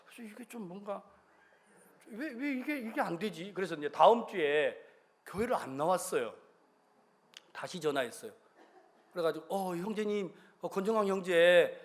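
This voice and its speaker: A man preaching a sermon as a pastor, telling a story in an animated way and acting out phone conversations. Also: high-pitched, normal speed, long pauses. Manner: animated, acts out phone conversations in varied voices.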